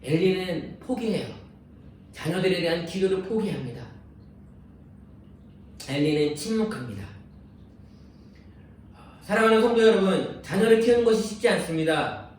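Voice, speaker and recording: Earnest high-voiced pastor in echoing church. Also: male voice, expressive, normal speed, long pauses, slight background noise. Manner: earnest pleading, acts out prayers. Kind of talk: sermon. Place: church sanctuary. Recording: echoey church hall, distant mic.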